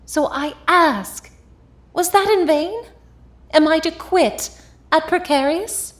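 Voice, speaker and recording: In a vintage audio drama, an actress voices an ambitious, hard-boiled young woman of the 1950s. Her very high-pitched delivery is deliberate, defiant and impassioned.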